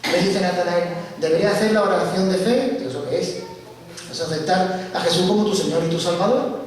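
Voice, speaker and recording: A man giving a church testimony, telling his story with animated, acted-out dialogue. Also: sits high, fairly quick. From Spain. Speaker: guest speaker giving testimony. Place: large church hall. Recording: echoey church hall from far off, faint hiss.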